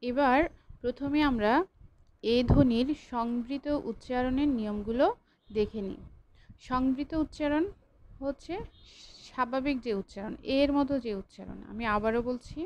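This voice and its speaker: Woman lecturer teaching online, higher voice. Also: normal speed, pauses often, a little mellow, dull audio, a little hiss or hum. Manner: patient, repeats points, corrects own slips. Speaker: college lecturer.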